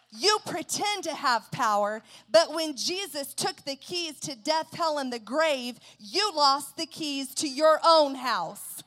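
A woman preaching in a church service with a high voice. She speaks slowly and deliberately, stressing each phrase. Her lines swell into loud, forceful declarations. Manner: declaiming a war-like declaration, slow and emphatic, rising to loud shouts. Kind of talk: sermon.

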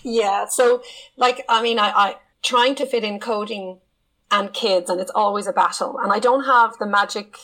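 A woman's voice: medium pitch, steady tone, moderate pace, fairly bright tone, rough recording. A woman speaking enthusiastically as a panelist on a casual podcast. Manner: enthusiastic, eager.

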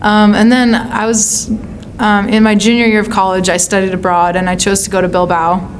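A woman's voice: mid-range voice, flat delivery, moderate pace, slight background noise. An American woman from California answering as an interviewed songwriter, in a casual, thoughtful style with searching phrasing. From California, United States.

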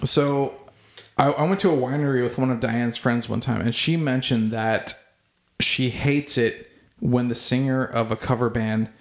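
Male podcast co-host, rambling and profane, mid pitch, echoey room. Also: fairly even intonation, unhurried. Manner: rambling, many restarts and swearing. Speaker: band singer, podcast co-host. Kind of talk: casual podcast chat.

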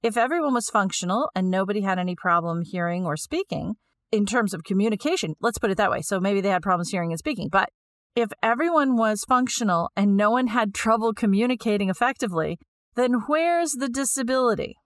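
A woman's voice: medium pitch, lively intonation, a little fast, no room sound. A woman gives a lecture, walking listeners through an idea one step at a time. She thinks aloud and sometimes restarts or repeats a phrase. Her voice is close and dry, with no room sound. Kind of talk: explanatory lecture.

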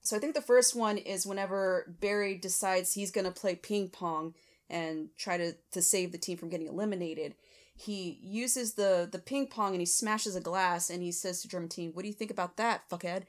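A woman's voice: fairly low pitch, moderate pace. A woman co-hosting a podcast, casually reviewing a comedy film and thoughtfully explaining her favorite and least favorite lines. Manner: thoughtful, explains her picks, light laughter. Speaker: podcast co-host.

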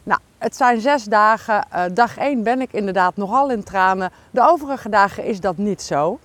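A woman hosting her podcast in a candid, casual video diary, tired and halting, with many fillers. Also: medium pitch, lively intonation, fairly bright tone, no room sound. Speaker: podcast host.

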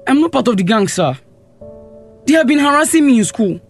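A young man with a Nigerian accent voices a neglected teenage son in a radio drama, sounding aggrieved and accusing. His voice sits very high, and soft music plays faintly underneath. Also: sing-song, a little fast, vocal fry, heavily acted. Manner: confrontational, accusing.

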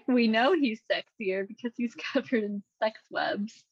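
Slow, husky woman cracking up. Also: a little high, no room sound, dull audio. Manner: giggly, reads in a slow drawl with frequent laughs. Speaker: podcast co-host. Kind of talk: reading a comic bot-written script aloud.

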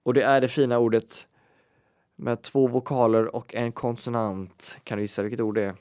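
A man's voice: medium pitch, flat delivery, darkish tone, clear, resonant tone, no echo, clean studio sound. A man co-hosting a podcast in casual chat, joking and laughing often. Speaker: podcast co-host.

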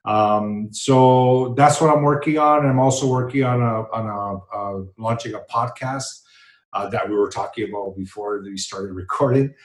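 Low-voiced male guest in an echoey room. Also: moderate pace. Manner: casual, hesitant, with fillers. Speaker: podcast guest, entrepreneur. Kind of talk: interview conversation.

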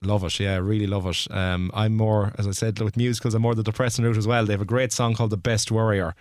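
A young man with a west of Ireland accent from Mayo talks casually as a radio guest. His voice sits a little low in a dry studio sound. He often repeats a word or phrase as he gathers his answer. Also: little pitch movement, fast, darkish tone, no room sound. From County Mayo, west of Ireland. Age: young adult. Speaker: radio station team member, guest. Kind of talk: casual radio interview chat.

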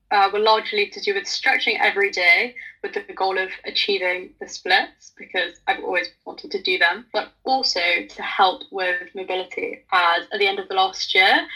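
A woman's voice: mid-range voice, steady tone, normal speed, pushed and bright, breathy edge, poor audio. A young woman casually and earnestly explaining her fitness goals at length. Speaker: participant sharing fitness goals. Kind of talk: casual chat.

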